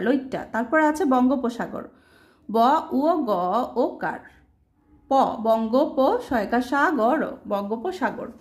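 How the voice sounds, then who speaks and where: A woman teaching a primary school language lesson, asking questions and answering them herself, spelling words out letter by letter. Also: a little high. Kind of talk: explaining a children's textbook lesson.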